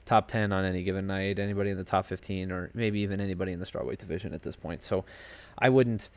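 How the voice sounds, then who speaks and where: Low-pitched male podcast host, chatty and rambling, casual solo commentary from a home desk. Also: fairly even intonation, quick pace, darkish tone. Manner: rambling and chatty, heavy on fillers and asides. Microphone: home desk setup.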